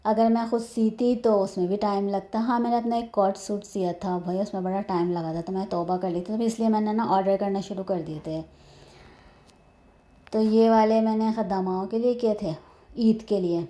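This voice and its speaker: A woman's voice: medium pitch, steady tone, mellow. A woman vlogging in a casual, rambling way, stopping now and then to say prayers and blessings. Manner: chatty, rambling, says prayers and blessings as she goes. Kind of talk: casual chat. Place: at home and at a horse stable, partly outdoors.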